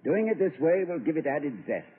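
An actor playing a whimsical, pompous middle-aged college president, talking in playful, flowery phrases in a 1940s radio comedy. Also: male voice, a little high, big pitch swings, fairly quick, slightly rough. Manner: grandiloquent, playful, poetic flourishes. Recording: tinny old radio broadcast.

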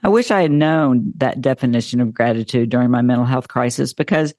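A woman co-hosts a podcast in a notably deep voice. The sound is close and dry, with little room to it. Her delivery sits between prepared statement and personal account. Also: a little fast, a little mellow, no echo. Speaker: podcast co-host. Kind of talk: scripted podcast intro and personal talk.

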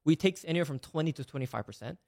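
A man's voice: fairly high pitch, lively intonation, racing, vocal fry, darkish tone. A man in his twenties from Malaysia, a podcast guest in a casual interview, talking eagerly with many fillers and restarts. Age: 20s.

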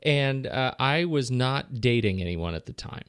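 A middle-aged man talks through a film on a podcast, mid-pitched and animated. He restarts his sentences often and laughs at himself. The sound is close and dry, with no room echo. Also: a little slow, clean tone. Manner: rambling, self-interrupting, animated and laughing. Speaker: podcast co-host. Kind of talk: casual film discussion.

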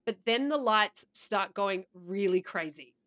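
A woman's voice: medium pitch, lively intonation, a little slow, a bit bright. A woman co-hosting a casual podcast, reading out stories with playful asides and laughter. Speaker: podcast co-host.

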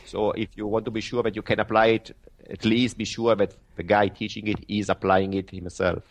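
A man with an Italian accent speaks in a somewhat low voice, giving interview answers in careful, halting English. He pauses often, restarts his sentences and fills the gaps with "uh". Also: level tone. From Italy. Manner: halting, many fillers and restarts. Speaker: guest trader.

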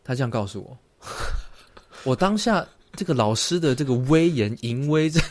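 A young man co-hosts a relaxed chat, his pitch rising and falling widely as he tells stories. He slips into voices for the people he quotes and laughs often, at a middle pitch. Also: moderate pace. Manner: animated storytelling, acts out quoted teachers, laughs often. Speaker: podcast co-host. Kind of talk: casual chat.

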